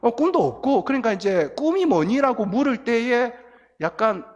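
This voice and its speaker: A middle-aged man preaching a lively, story-filled sermon to teenagers, acting out scenes as he goes. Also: very high voice, moderate pace, lo-fi sound. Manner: animated storytelling, acts out crying and quotes. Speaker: guest pastor. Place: church sanctuary. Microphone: church sound system, recorded from booth. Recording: long church hall reverb.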